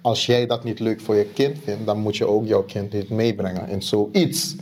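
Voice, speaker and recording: A man's voice: fairly low pitch, steady tone, moderate pace, a little mellow. A man co-hosting a podcast, explaining his points in a casual chat with lots of hesitations and fillers. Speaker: podcast co-host.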